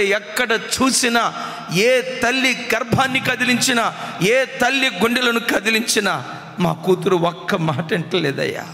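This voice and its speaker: A man's voice: extremely high pitch, pushed and bright. A man with a Telugu accent preaching a sermon with passion, often acting out the words of a weeping mother. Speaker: pastor. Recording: long hall reverb from a church.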